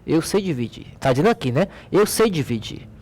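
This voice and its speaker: A man's voice: on the high side, sing-song, a little fast, a little mellow. A man with a Brazilian accent teaching logic, patiently explaining an exercise at a board and checking in often with short questions to his students. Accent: Brazilian Portuguese. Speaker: math teacher.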